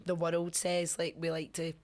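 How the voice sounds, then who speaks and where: A woman's voice: on the low side, completely flat delivery, normal speed, a little mellow. A Scottish woman co-hosting a podcast, chatting bluntly and laughing easily, with local slang. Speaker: podcast co-host. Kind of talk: casual chat.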